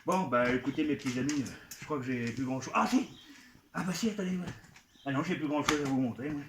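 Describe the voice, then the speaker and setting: A man's voice: mid-range voice, quick pace. A man performing a playful live comic show for children, coaxing and talking straight to the young audience. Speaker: children's entertainer playing a goblin expert. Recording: echoey live venue with background noise.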